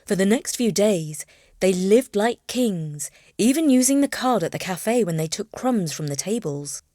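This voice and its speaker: A woman narrating a children's storybook in an expressive, playful reading. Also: medium pitch, a little slow, no room sound, clean studio sound.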